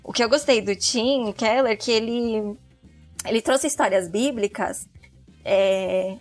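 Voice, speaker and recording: A woman in her thirties talks casually on a podcast, her voice sitting a little high. She laughs often and strings thoughts together with fillers. Soft music plays faintly behind her. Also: slow pace. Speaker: podcast guest, book club member. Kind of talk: casual chat about a book.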